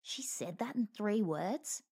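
A hapless, mild-mannered adventurer man from a storybook, played by a woman close to her own voice. His remarks are weary and deadpan. He sounds resigned to his bad luck. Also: medium pitch, takes it slowly, husky, full character voice.

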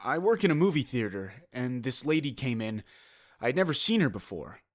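A man's voice: medium pitch, very animated, moderate pace. An actor playing a caller, a young movie theater worker, telling his story plainly and a bit hesitantly. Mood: earnest. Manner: plain, matter-of-fact, hesitant.

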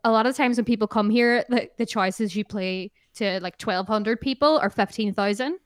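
A woman's voice: medium pitch, moderate pace, no echo. Irish woman, musician guest, chatty and rambling, dry close mic. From Ireland. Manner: chatty, rambling, many fillers and laughs. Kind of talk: casual interview chat.

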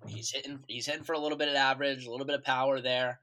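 A man's voice: medium pitch, fairly even intonation, racing, bright, forceful tone. A man co-hosting a casual sports podcast, teasing his partner and giving loose, opinionated takes. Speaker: podcast co-host.

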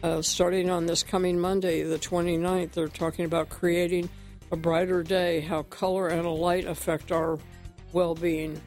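A woman hosting a morning health radio show, chatting casually, slightly out of breath and clearing her throat often. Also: lowish voice, little pitch movement, moderate pace, darkish tone, soft background music. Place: radio studio.

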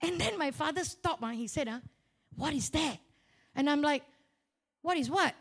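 A woman preacher with a Malaysian accent and a very high voice delivers a storytelling sermon at a moderate pace. She acts out both sides of conversations in an animated, humorous way, sprinkling in colloquial local particles like "lah" and "ah."

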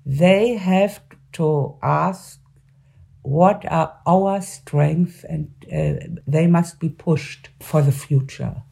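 An older woman with a German accent gives interview answers on politics. Her voice is husky and fairly mellow, and she moves slowly, often hunting for the next word in a language that is not her native German. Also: sits low. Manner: halting, searching for words in a second language. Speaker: former member of parliament, interview guest.

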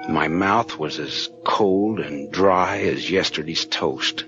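An actor playing a wry, hard-boiled American private detective in a 1940s radio drama, with a sardonic, clipped delivery. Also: male voice, sits low, slow. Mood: grim. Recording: muffled 1940s radio recording with music.

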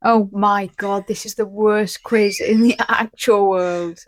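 A woman's voice: medium pitch, steady tone, slow pace, no room sound. A woman co-hosting a podcast in casual chat, teasing and exasperated as she plays a quiz. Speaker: podcast co-host.

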